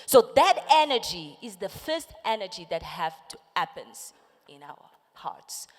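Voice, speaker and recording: Speaking at a measured pace with a medium pitch and big swings in intonation, a panelist in her forties whose first language is Portuguese rallies a conference audience with a passionate motivational talk, firing questions at them. The large hall and its audience give the recording a strong echo.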